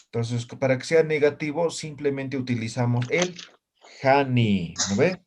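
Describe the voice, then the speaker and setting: A man's voice: medium pitch, a little slow, darkish tone, slight background noise. A man teaching a language class, patiently explaining and often checking in with his students. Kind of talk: classroom lesson.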